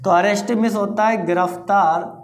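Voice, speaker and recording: A mid-pitched teacher runs a grammar lesson in a steady question-and-answer drill. Each question gets its own slow, repeated answer. The voice rings in a roomy space over a faint hum. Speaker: English teacher. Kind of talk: classroom-style grammar lesson. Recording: roomy echo with faint background noise.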